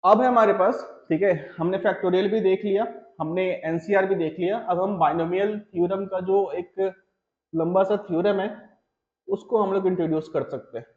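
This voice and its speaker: A man's voice: high voice, steady tone. A male math teacher from India giving a classroom lecture, working through each step as he writes and checking in with his students. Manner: talks through steps while writing, pauses on each term; reassuring, checks in with "theek hai". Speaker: mathematics teacher. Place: coaching classroom. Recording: echoey room, slightly dull sound.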